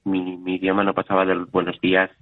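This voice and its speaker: A man from Spain talks in a relaxed, chatty way, often restarting his sentences and acting out little exchanges. His voice sits on the low side. The sound is thin and tinny, like a phone call. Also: quick pace, faint music behind. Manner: chatty, with frequent restarts and quoted dialogue. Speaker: interview guest. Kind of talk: casual interview talk.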